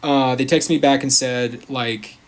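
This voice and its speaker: A man's voice: medium pitch, fairly even intonation, a little slow. A man hosting a casual livestream, rambling and chatty, greeting viewers by name in the middle of his sentences. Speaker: livestream host.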